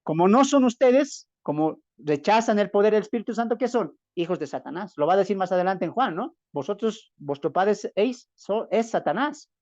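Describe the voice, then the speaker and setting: A man's voice: high voice, expressive, moderate pace, hardly any pauses, a little mellow, no room sound. Emphatic man preaching over a dull call. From Bolivia. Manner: emphatic, asks the listeners rhetorical questions and answers them. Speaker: Bible teacher. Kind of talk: preaching-style Bible lecture. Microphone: video call. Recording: dull, dry, lo-fi video-call audio.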